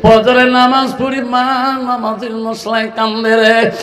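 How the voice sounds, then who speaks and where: Male preacher, very high and bright voice, slow half-sung sermon chant; echoey hall, faint music under him. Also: flat delivery. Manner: chanting, tearful storytelling that acts out each figure.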